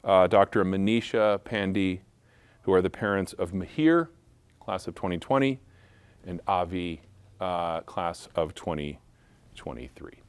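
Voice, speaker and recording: A man with a deep, low voice runs a benefit auction, calling bids and tossing in playful jokes as he goes. The sound is dry and close, with no room echo. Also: measured pace, smooth. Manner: playful, joking asides between bids. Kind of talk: live charity auction calling.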